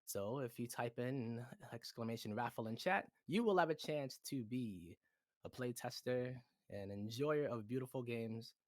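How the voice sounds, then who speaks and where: A man's voice: medium pitch, measured pace, no echo. A man hosting a casual livestream interview, chatty, upbeat and teasing. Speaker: community host.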